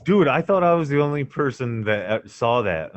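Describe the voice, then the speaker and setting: A man's voice: medium pitch, very animated, moderate pace. A man co-hosting a podcast, chatting casually in laid-back stoner slang with free swearing, on a slightly lo-fi recording. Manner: swears freely. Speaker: podcast co-host. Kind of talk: casual chat and anecdotes.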